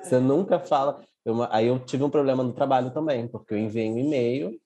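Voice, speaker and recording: A man's voice: mid-range voice, fairly quick, mellow. A man, a guest telling anecdotes in a casual podcast chat.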